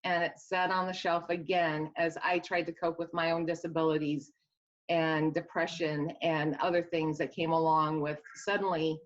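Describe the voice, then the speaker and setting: A woman with a Midwestern accent, an author talking earnestly about her work in a casual interview, rambling a little with restarts. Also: lowish voice. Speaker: author guest. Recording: dull lo-fi sound.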